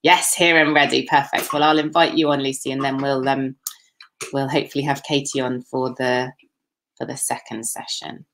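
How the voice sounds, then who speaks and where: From her home kitchen, a woman hosts an online festival over a laptop webcam video call, chatting casually and joking with lots of fillers and laughs. Her bass voice is level in tone and fairly bright, at a moderate pace.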